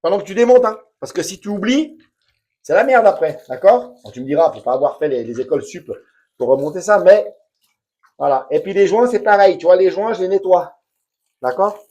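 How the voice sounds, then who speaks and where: Slangy, chatty man, high voice. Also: lively intonation, brisk, dark tone. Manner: blunt, slangy, chatty, addresses viewer directly. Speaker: DIY home repair vlogger. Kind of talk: casual hands-on demonstration. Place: home bathroom.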